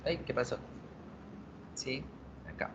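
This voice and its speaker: A man's voice: slow pace, muffled recording. A male English teacher explaining in a video lesson, patiently repeating words to drill pronunciation.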